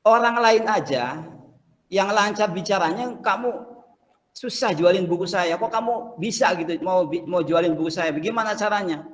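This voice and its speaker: A man's voice: sits high, normal speed, big-room sound, pitched above the performer's own voice, natural voice. A man voicing a skeptical male boss of a printing firm who questions a job applicant.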